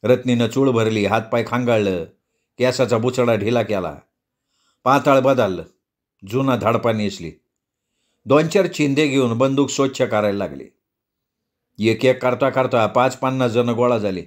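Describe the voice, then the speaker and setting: A man reads a story aloud in a vivid, earthy storytelling manner. His voice is mid-pitched and ordinary for a man. The narration flows steadily through description. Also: moderate pace, pauses often. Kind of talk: storytelling reading.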